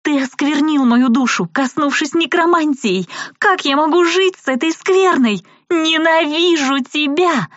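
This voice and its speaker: A horrified young woman, voiced by a female reader in an audiobook, shrill and accusing, her voice driven high. Recorded dry and a little dull. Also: normal speed, few pauses, no room sound.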